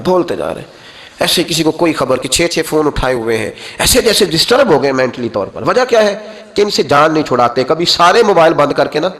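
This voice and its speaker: A man's voice: medium pitch, fairly bright tone. A man with a Pakistani Urdu accent giving a sermon, telling stories that climb to emotional peaks. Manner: storytelling with rising emotional peaks. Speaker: preacher.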